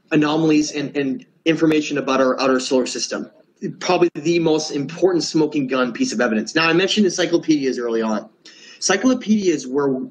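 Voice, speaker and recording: A man's voice: fairly high pitch, poor audio. A man presenting in a casual lecture, earnest and emphatic, often restarting words.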